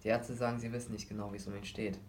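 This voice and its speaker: A man's voice: lowish voice, flat delivery, very fast, slight background noise, natural voice. A man putting on a worried, protective mother.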